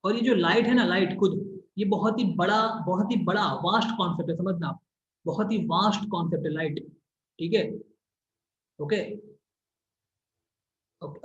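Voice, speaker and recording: A man with a high voice teaches a science class, drilling each term by repeating it and asking again and again whether his students understand. The sound is roomy and echoing, and the recording is a little dull and muffled. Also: normal speed, long pauses. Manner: repetitive, keeps checking if students follow; draws on a board while explaining. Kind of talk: classroom physics lesson. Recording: echoey room, slightly dull recording.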